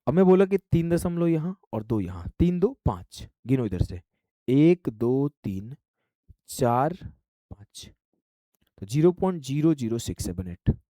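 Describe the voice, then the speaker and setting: A man teaching a math lesson, briskly counting out digits and coaxing his students along. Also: mid-range voice, big pitch swings, dark tone, no room sound, studio quality. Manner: brisk, drills numbers aloud, coaxing students. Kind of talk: classroom-style math lesson.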